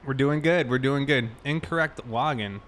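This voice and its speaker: Greeting viewers in a friendly, casual way, a streamer plays a police roleplay game live. He speaks at normal speed with a medium pitch and a slightly bright tone, and background noise comes through clearly.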